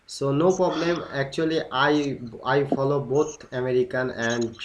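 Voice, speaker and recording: A man hosting an English speaking club on a video call, English not his first language. He is eager, with simple, broken phrasing as he asks questions. His voice sits at a middle pitch. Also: steady tone, a little slow, background noise. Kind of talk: casual online conversation.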